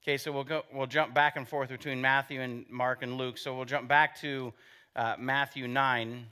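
A man's voice: medium pitch, little pitch movement, normal speed, sharp tone, clear, resonant tone. A man pastor preaching a conversational sermon, asking the congregation rhetorical questions and adding joking asides. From United States.

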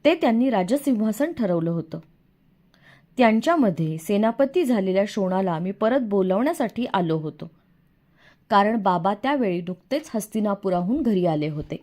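A woman narrating a novel in the first person, in an expressive storytelling manner. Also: medium pitch, moderate pace. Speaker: audiobook narrator.

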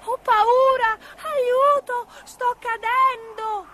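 A woman's voice: very high-pitched, unhurried, heavy background noise, pitched above the performer's own voice. A woman voicing a frightened little male witch's kitten in a storybook reading, with pleading, tearful cries.

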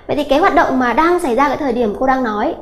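A woman English teacher giving an exam-prep grammar lesson, explaining slowly and repeating key points with many hesitant fillers. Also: high voice, slight background noise. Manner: slow, repetitive explaining with many filler "à" sounds.

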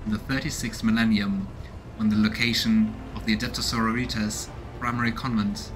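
With music in the background, a let's-play streamer in his thirties talks through a game in a small home room, reading text aloud and musing curiously in a casual way. He has a lowish voice, a flat delivery and a brisk pace.

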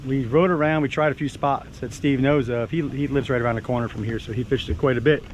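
A man's voice: medium pitch, fast. A man, hosting a casual fishing tutorial on a lake, chatty and easygoing. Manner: chatty, excitable when fish bite. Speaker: fishing channel host. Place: open boat on a lake, outdoors. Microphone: action camera on the boat. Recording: outdoor boat noise and wind.

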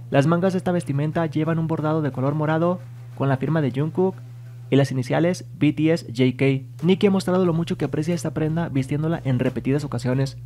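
A man narrating scripted entertainment news in a mellow, warm tone that sits a little high in pitch. His delivery is even and read aloud, like a voice-over script. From Spanish-speaking.

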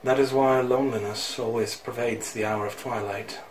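A man voicing a solemn grown man from a village, reading game dialogue in a hushed, slow way, recorded on a phone camera in a room. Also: medium pitch, steady tone, roomy sound, a little hiss or hum, pitched below the performer's own voice, close to an everyday voice.

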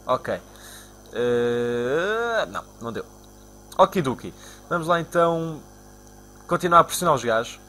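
A young man from Portugal with a European Portuguese accent, commentating his own football video game live and shouting at his players. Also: unhurried, pauses often, a little hiss or hum. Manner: excitable, shouts at players and spikes into high-pitched cries. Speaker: gaming YouTuber.

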